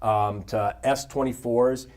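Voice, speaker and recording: A man who is a regular outdoors guest on a TV news show, giving safety advice in casual studio chat with halting restarts. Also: mid-range voice, fairly even intonation, darkish tone.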